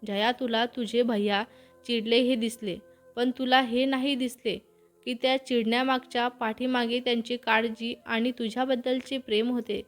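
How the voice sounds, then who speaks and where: Woman reading as a gentle caring young woman. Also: fairly high pitch, little pitch movement, normal speed, faint music behind, lightly acted. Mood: soothing. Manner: soothing, patient explaining.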